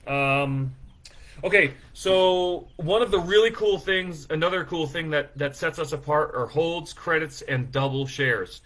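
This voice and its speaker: A man's voice: a little high, a little slow, fairly bright tone. A man presenting the season details for his farm in a casual, rambling way, with lots of fillers and self-deprecating asides. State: feeling sick after overeating.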